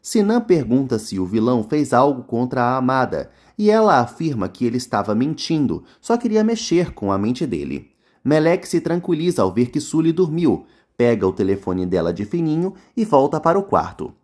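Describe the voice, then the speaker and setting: A man's voice: medium pitch, sing-song, moderate pace, darkish tone. Brazilian guy recapping a soap, sarcastic jokes, voice bounces up and down a lot. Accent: Brazilian Portuguese. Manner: mocking, slangy asides. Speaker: narrator recapping a soap opera episode. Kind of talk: casual recap narration with sarcastic asides.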